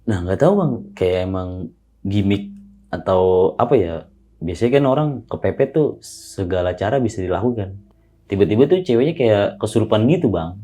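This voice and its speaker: A young man, telling a hiking story as a podcast guest in a relaxed, slangy way. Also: fairly low pitch, normal speed, pauses often. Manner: relaxed slangy retelling, often adds "Bang". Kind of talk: casual spoken storytelling.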